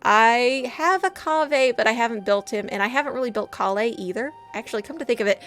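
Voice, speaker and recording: Bubbly fast-talking woman gaming host. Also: a little high, lively intonation, fairly bright tone. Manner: bubbly and goofy, talks fast. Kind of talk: casual gameplay commentary. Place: home in a rural area.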